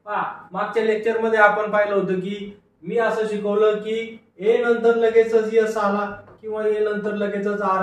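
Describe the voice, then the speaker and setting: A man teaches English phonics, sounding out words and repeating them. His voice is fairly high and rings in a strongly echoing room, picked up from some distance off a far mic. He asks questions and answers them himself. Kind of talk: phonics lesson with call-and-repeat drills.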